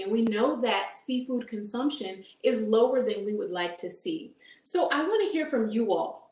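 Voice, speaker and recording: A woman's voice: a little high, darkish tone. Upbeat woman teaching a cooking demo. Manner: upbeat, engaging the audience with questions. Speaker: dietitian cooking instructor. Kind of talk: live cooking demonstration. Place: home kitchen, indoors. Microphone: camera at medium distance. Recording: echoey kitchen room sound.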